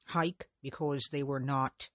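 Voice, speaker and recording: A man hosts his own podcast, telling a mystery in a chatty way full of restarts and hesitations. His mid-range voice is steady, slow, and a little bright, recorded dry. Russian is not his first language.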